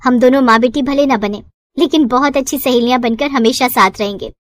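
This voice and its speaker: A woman's voice: sits high, fairly quick, dry recording, lightly acted. A woman doing a young bride, hurt, reproachful, cold, a little bitter, cartoon story, dry sound. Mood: tender.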